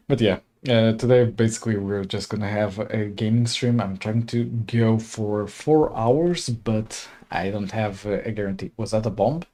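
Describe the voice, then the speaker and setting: On a desk mic, a young man from Slovakia chats casually while streaming a game, frequently laughing and reading the game's text out loud. His voice sits on the low side, dark in tone, animated and unhurried.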